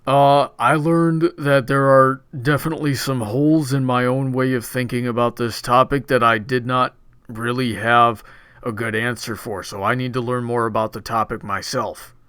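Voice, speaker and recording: Smooth-voiced man telling a joke story. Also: mid-range voice, steady tone, moderate pace, a bit bright, no echo. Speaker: panelist. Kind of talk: casual panel discussion.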